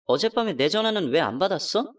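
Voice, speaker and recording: A woman's voice: expressive, fast talker, far from the mic. A woman playing a betrayed, furious wife. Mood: suspicious. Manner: emotional, accusing, pitch climbing when upset. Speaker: narrator and voice actor. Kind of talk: first-person radio drama narration.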